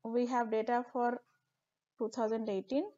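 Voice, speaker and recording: A woman instructor narrates a software tutorial recorded from her screen, keeping a level tone at normal speed and using occasional fillers. Her voice is mellow and sits a little high. The recording comes across dull and lo-fi.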